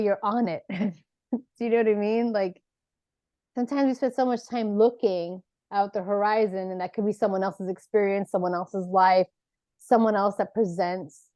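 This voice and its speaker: A woman's voice: mid-range voice, mellow, dry recording. Earnest woman musing on spirituality. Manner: earnest, rambling, peppered with "like" and "right?". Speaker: actor and author, podcast guest. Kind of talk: reflective spiritual conversation.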